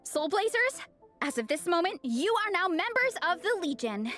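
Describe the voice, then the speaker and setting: Eager young club captain. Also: female voice, extremely high pitch, sing-song, normal speed, fairly bright tone, soft background music, heavily acted. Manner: enthusiastic, earnest. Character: eager young woman leading a fan club. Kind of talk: game dialogue.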